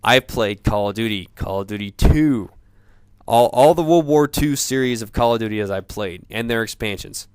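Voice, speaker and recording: A man in a profane off-the-cuff gamer rant, sounding drunk, rambling haltingly and repeating himself. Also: lowish voice, smooth, no room sound. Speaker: gamer ranting about video games.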